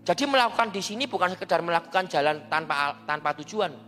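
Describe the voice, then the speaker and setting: A preacher delivering a Sunday sermon, addressing the congregation directly, swinging between loud exclamations and soft asides, with frequent restarts. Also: medium pitch, animated, fast talker, slight background noise. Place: large church sanctuary. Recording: long church hall reverb with faint music.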